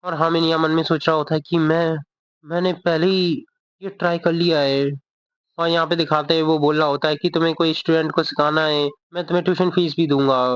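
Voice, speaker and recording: A man's voice: a little high, a bit bright, clean tone, no room sound. A man narrating a manga recap in a conversational, scene-by-scene way, in a dull lo-fi recording. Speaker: manga explainer. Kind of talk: casual story recap narration. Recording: dull lo-fi dry voice.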